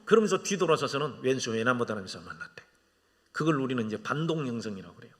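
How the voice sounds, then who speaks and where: A man's voice: mid-range voice, big pitch swings, quick pace, fairly bright tone. A man in his fifties preaching a sermon as a guest preacher, telling jokes and stories. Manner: joking, storytelling preacher. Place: church sanctuary. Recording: reverberant church hall.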